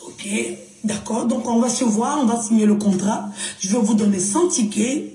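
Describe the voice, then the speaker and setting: A curt, bossy male manager lays down the law, as a woman puts him on. The voice is still fairly high and dark-toned. It sounds roomy and far from the mic. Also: normal speed, natural voice. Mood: businesslike. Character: stern male concert manager, firm and impatient.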